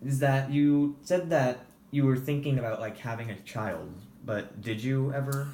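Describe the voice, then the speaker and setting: A man's voice: mid-range voice, unhurried, dark tone. A man asking casual interview questions with short prompts. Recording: roomy, set back from the mic, faint noise.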